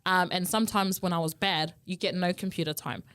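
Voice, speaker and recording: A woman's voice: on the low side, a little fast, clean tone. A woman in her thirties co-hosting a podcast in casual chat, telling family stories with lots of laughter and acted-out voices. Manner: animated, laughing storyteller who acts out family voices. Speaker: podcast co-host.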